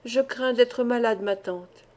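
A woman reading as a frail gentle young woman. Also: a little high, takes it slowly. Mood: apologetic.

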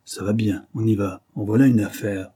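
A man voicing a gruff chauffeur grumbling at being woken, in an audiobook. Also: fairly low pitch, steady tone, normal speed, mellow. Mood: grumpy. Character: grumpy male chauffeur woken from sleep.

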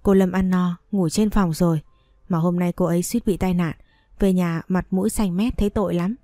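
Talkative older nanny, fussing, low warm tone , read by a woman. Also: steady tone, normal speed, no room sound, studio quality, natural voice.

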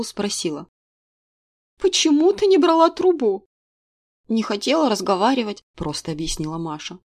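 A woman's voice: fairly low pitch, a little mellow. A woman reading a first-person story aloud as narrator, with a dry, ironic storytelling manner.

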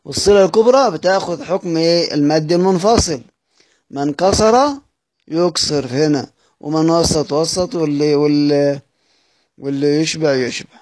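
A man with an Egyptian Arabic accent teaches Quranic readings. He asks his students questions, answers them himself, and draws out each recited word slowly. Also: on the high side, a little mellow.

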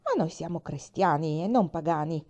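A woman's voice: deep voice, animated, normal speed, a little mellow. A woman reading the lines of a stern, prudish, spiteful old grandmother. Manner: stern, scandalized.

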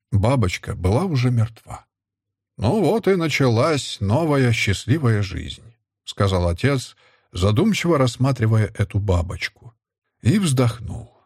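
Husky man narrating a story expressively. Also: lowish voice, no room sound, clean studio sound. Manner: expressive, measured reading. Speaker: audiobook narrator. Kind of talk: literary audiobook narration.

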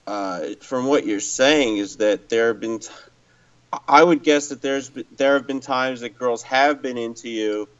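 A man's voice: mid-range voice, muffled recording. A man hosting a casual talk, giving dating advice in a thoughtful, hedging way. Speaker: host, dating coach.

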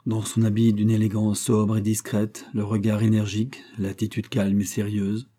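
A male audiobook narrator with a low, mellow voice. He reads in a measured, literary way, steady and unhurried in his storytelling. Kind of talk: scripted narration.

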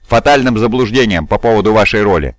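A man's voice: lowish voice, lively intonation, quick pace, dry recording, lightly acted. A man voicing a weary, scheming old regent. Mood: measured.

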